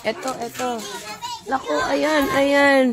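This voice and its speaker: A woman's voice: high voice, fairly even intonation, slow pace, gravelly, crowd noise. A woman from a church live-streaming on her phone as she walks outdoors beside railway tracks, chatting and greeting viewers and passers-by. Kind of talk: casual live-stream chat. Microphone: phone held while walking.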